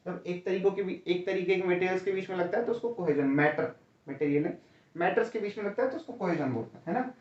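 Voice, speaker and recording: Speaking quickly in a high pitch, this male teacher walks students through exam-prep material step by step, calling them "भैया" and frequently asking "है ना?" and "ठीक है?" The lo-fi recording sounds dull, distant and roomy.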